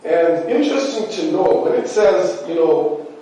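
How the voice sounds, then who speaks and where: Warm in tone yet high-pitched and animated, a man delivers a sermon at a measured pace, sounding nasal and congested from allergies and saying "you know" constantly in a chatty way. The recording, made from far back in a very echoey church sanctuary, has its highs cut off.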